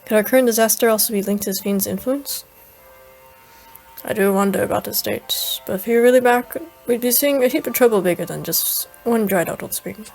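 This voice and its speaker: A woman's voice: mid-range voice, fairly quick, vocal fry, a little mellow, rough recording. Woman voicing a jolly old dragon man, drawling rustic voice, grandfatherly, game story reading, faint music behind. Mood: storytelling. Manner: folksy, chuckling, grandfatherly. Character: jovial folksy old male dragon.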